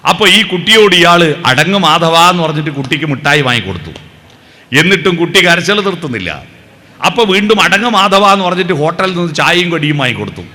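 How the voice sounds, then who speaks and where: Middle-aged man, devotional speaker, bright higher voice, animated storyteller who slips into song. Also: fast. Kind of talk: devotional speech with sung verses.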